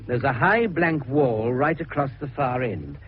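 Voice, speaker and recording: An actor playing a harassed, irritable British police superintendent in a radio drama, with a brisk, emphatic, exasperated manner. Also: male voice, mid-range voice, expressive, natural voice. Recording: muffled radio broadcast, faint noise.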